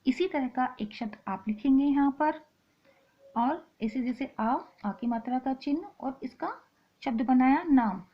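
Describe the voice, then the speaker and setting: A woman teacher going through a lesson slowly and step by step. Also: high-pitched, highs cut off. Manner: slow, explaining step by step. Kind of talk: online lesson.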